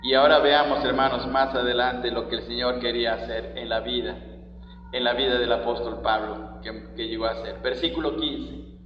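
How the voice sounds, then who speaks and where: A man's voice: medium pitch, little pitch movement, moderate pace, lo-fi sound, slight background noise. A man preaching a sermon as pastor, reading scripture with emphatic stress on each phrase, recorded in a church hall.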